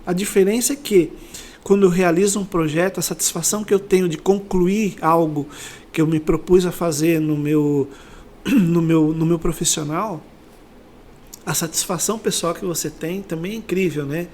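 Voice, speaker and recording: Here the same kind of guest, a middle-aged Brazilian man who directs sales for a company, talks at normal speed with a fairly even, somewhat high and slightly mellow voice. He reflects on personal motivational stories in conversation, regularly checking whether his listener agrees.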